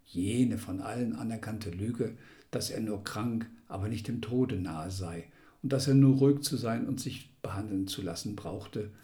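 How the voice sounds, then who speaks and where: A man's voice: on the low side, a little slow, mellow. A man narrating a literary text in an intense, dramatic reading that sometimes drops to a whisper.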